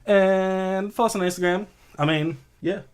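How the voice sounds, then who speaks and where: A playful man leads a loose group chat, joking as he lists the week's topics. His voice sits a bit high for a man. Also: steady tone, normal speed, smooth. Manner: playful, jokey. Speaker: co-host.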